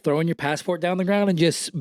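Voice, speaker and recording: Joking man with a higherish voice. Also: fast talker, no room sound, studio quality. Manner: joking, acts out quotes in goofy voices. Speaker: podcast co-host. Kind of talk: casual comedic chat.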